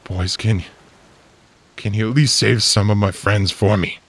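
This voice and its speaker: A man voicing a massive dragon who is a gruff pirate captain loyal to his crew, in a growling giant dragon voice for a tabletop game. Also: fairly low pitch, fairly even intonation, unhurried, a bit bright, voice pushed down, full character voice. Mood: pleading, burdened. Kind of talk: tabletop role-play character acting.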